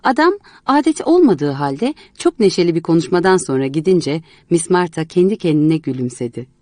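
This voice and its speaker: Expressive woman reading a story. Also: on the low side, brisk, no echo. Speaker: narrator.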